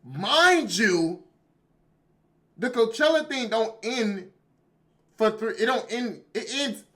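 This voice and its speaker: A man's voice: very high voice, a little slow, a bit bright. A man streaming live and reacting to a video in slangy, emphatic casual chat, dropping "bro" into nearly every sentence. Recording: noisy stream audio.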